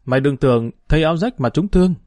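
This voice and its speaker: A man voicing a streetwise, quick-tongued street boy in an audiobook, with teasing, lively banter. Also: fairly high pitch, no room sound, lightly acted.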